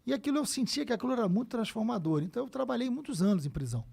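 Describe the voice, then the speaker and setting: Rio guy in his 50s, high voice, rattles off stories fast, curses a lot. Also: gravelly, slightly rough. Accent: Rio de Janeiro Portuguese. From Brazil. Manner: animated, swears freely, acts out quoted dialogue. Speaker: guest. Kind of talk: casual podcast storytelling.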